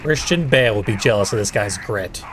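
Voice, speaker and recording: A man's voice: on the low side, expressive, brisk, background noise. A man giving casual, dryly sarcastic commentary as the host of a video game playthrough. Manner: dry, sarcastic wisecracking. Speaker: let's play host.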